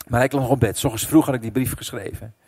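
A middle-aged man preaching a sermon as pastor, telling a personal story with emotion, dropping to a hush and then rising loud. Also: mid-range voice, steady tone, very fast. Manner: emotional storytelling, swinging between hushed and loud.

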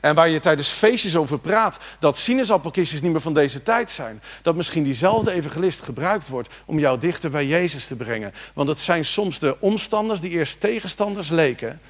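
A man preaching a sermon, moving between quiet reflection and loud, rising exhortation and speaking directly to his congregation with rhetorical questions. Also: a little high, expressive, moderate pace, hardly any pauses. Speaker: pastor.

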